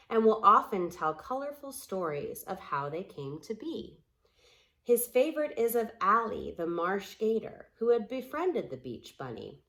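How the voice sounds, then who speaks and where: In a fairly low voice, a woman reads aloud from a storybook written in rhyming, poetic prose. She goes very slowly and deliberately, lingering on every phrase and giving the lines an expressive, recited shape.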